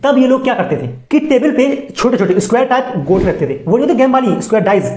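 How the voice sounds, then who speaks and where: Her voice slightly high, animated and a little mellow, an Indian-accented woman narrates an explainer video at a quick pace. She keeps the educational voice-over informal and colloquial, addressing viewers with playful asides, in a roomy, echoing recording.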